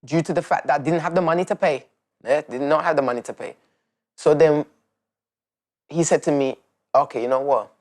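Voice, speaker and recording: Reflecting on his life in a documentary interview, a young man from Turkey speaks haltingly and restarts many times. His voice is slightly high with a darkish tone.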